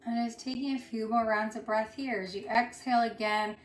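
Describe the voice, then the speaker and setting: Guiding a yoga and meditation session over background music, a yoga teacher speaks in a somewhat high voice with a steady tone. She offers calming short phrases separated by pauses, and the room adds a clear echo.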